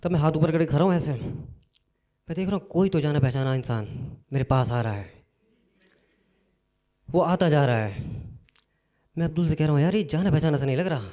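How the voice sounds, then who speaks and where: Young male stand-up comic, mellow tone, casual animated storyteller who acts out dialogue. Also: a little high, moderate pace, pauses often. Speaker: stand-up comedian. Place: live comedy stage.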